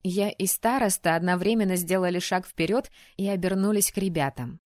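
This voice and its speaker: A woman reading first-person narration of an audiobook in a lively, expressive storytelling manner, close to the mic. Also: fairly low pitch, a little fast, dry recording.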